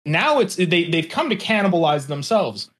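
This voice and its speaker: A man with a moderately high voice talks through his opinions in a conversational interview. He is earnest and careful to qualify himself, regularly seeking agreement at the ends of his phrases. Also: sing-song, moderate pace, fairly bright tone. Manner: earnest, hedging, often checks with "right?". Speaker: interview participant.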